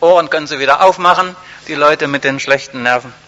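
Male preacher, emphatic and direct with the congregation, bright voice, old muffled tape in a reverberant hall. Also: on the high side, fast talker. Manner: emphatic, repeats key phrases for stress; addresses audience directly and warmly. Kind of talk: evening sermon. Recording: echoey hall, dull lo-fi sound.

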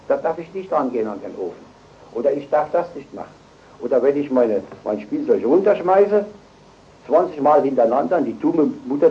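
An older man delivers a sermon with forceful emphasis, rising to loud stressed phrases and then dropping to quiet asides. His voice sits at an ordinary middle pitch. The recording is dull and lo-fi. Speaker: preacher.

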